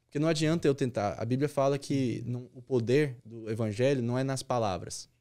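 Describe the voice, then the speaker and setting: A man's voice: mid-range voice, a little fast, a little mellow. A man, a youth pastor telling a personal story as a podcast guest, earnest and repeating key words for emphasis.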